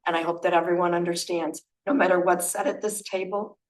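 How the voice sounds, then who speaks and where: Hoarse woman, earnest and rambling. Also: fairly low pitch, flat delivery, brisk, poor audio. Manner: earnest, rambling, searches for words. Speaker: resident speaking at public comment. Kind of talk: public comment at a township board meeting. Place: township meeting room.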